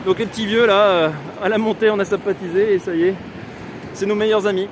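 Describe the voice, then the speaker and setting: A man's voice: sits high, steady tone, fast talker, background noise. A man with a southern French accent hosting a casual live stream while walking outdoors, chatting and laughing often. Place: outdoors on city streets.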